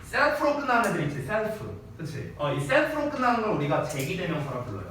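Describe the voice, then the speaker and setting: A male teacher gives a grammar lecture in a very echoey classroom, his voice caught from some distance away. He speaks with a somewhat high, very animated pitch. His manner is casual and playful, and he slips between polite and informal speech. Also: fast talker, a little hiss or hum. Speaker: English teacher. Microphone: wearing a mask, mic some distance away. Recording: very echoey room, voice off-mic with faint ambience.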